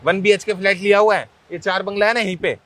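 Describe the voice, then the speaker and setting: A man's voice: high voice, steady tone, quick pace, fairly bright tone, no room sound. A man playing a pushy landlord in a street prank, demanding rent and accusing a young woman.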